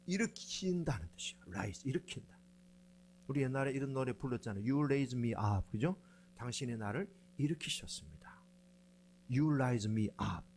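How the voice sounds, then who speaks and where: A man's voice: medium pitch, slight background noise. A middle-aged man preaching a sermon as pastor, telling stories and acting out quoted lines. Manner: animated storytelling, acts out quoted lines with dialect.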